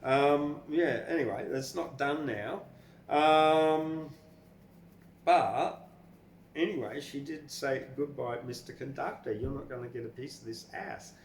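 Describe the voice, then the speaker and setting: This is an older Australian man with a mid-range voice and a slow pace, hosting a poetry podcast. He offers rambling, blunt, informal commentary and gives expressive poetry readings. The recording has an echoey room sound and faint background noise.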